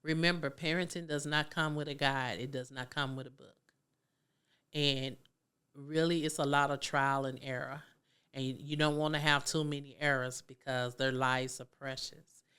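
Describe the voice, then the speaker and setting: A woman's voice: rumbling low, steady tone, normal speed, fairly bright tone, smooth. A middle-aged woman giving emphatic, colloquial parenting advice in an earnest talk. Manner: preachy, emphatic, colloquial, acts out kids' voices.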